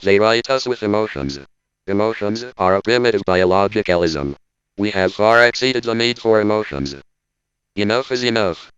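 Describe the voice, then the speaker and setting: A man playing an indignant robot spokesman who delivers a stiff, deadpan lecture in a smooth, resonant voice. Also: fairly low pitch, no echo, highs cut off, lightly acted. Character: indignant male robot spokesman, cold and logical. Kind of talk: scripted parody monologue.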